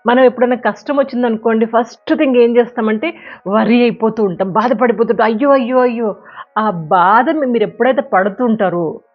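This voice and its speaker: Woman motivational speaker, dull audio. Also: on the high side. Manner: storytelling, conversational, with sound words. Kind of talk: motivational talk with a fable.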